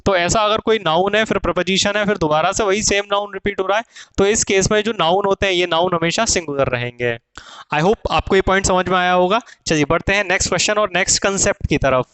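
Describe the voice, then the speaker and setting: A man's voice: high-pitched, fast talker, fairly bright tone, clear, resonant tone, no echo, poor audio. A man teaching grammar to students, asking questions and answering them himself.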